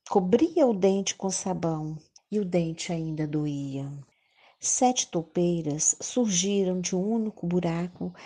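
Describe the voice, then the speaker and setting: A woman's voice: fairly low pitch, warm tone. A Brazilian woman narrating a children's story expressively, in the manner of a kids show host.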